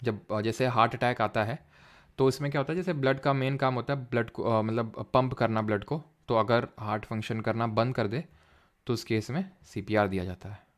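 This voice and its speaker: This is a man teaching a live online lesson, mixing English technical terms into Hindi. He moves step by step and often pauses to question the class and check that everyone is following. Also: medium pitch. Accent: Indian English terms mixed into Hindi. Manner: explains step by step, asks quiz questions, says "ठीक है" often. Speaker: online tutor.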